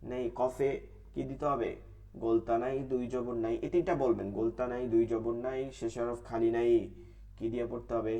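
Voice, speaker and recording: প্রশ্ন করে নিজেই উত্তর দেওয়া পুরুষ কুরআন শিক্ষক. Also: male voice, medium pitch, little pitch movement, fairly quick, dark tone. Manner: asks questions and answers them himself, repeats rules in a drill. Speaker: Quran recitation teacher. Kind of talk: online tajweed class.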